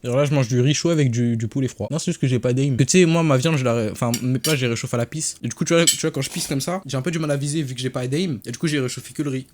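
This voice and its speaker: A man's voice: medium pitch, rapid-fire, hardly any pauses, darkish tone, slight background noise. A young man chatting casually while gaming, with crude joking and teasing banter. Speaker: gamer.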